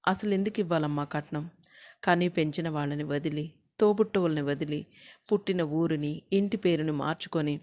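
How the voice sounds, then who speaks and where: A woman's voice: deep voice, a little mellow, close to an everyday voice. A woman voicing a weary, desperate young wife pleading in a letter to her mother.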